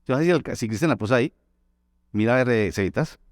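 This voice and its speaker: A man preaching a sermon as pastor, swinging between loud pleading and soft low tones. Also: animated, fast talker, dry recording, clean studio sound. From Colombia.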